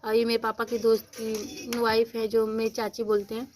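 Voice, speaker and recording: A woman's voice: a little high, completely flat delivery, moderate pace, a little mellow, slight background noise. A young woman chats casually at home while walking through a photo album. She explains each step with lots of fillers. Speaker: vlogger.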